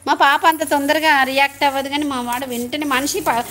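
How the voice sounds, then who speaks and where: A middle-aged woman talks to her live-stream viewers in a high, chatty voice. She laughs easily and greets people as she goes. A faint hum sits behind her. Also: level tone, fairly quick, fairly bright tone. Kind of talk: casual chat on a live stream.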